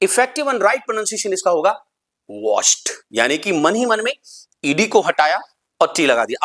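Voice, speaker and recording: A man's voice: sits high, fairly bright tone. Hindi-speaking man teaching pronunciation. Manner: asks questions and answers them himself, spells words letter by letter; repeats rules for emphasis. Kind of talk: classroom lesson on pronunciation.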